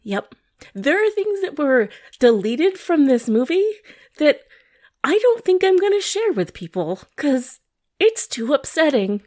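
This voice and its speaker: A woman co-hosting a relaxed podcast conversation. She is chatty and agreeable and often chimes in with quick yeses. Her sentences ramble and restart the way people do in casual talk. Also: sits high. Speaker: podcast co-host. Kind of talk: casual chat.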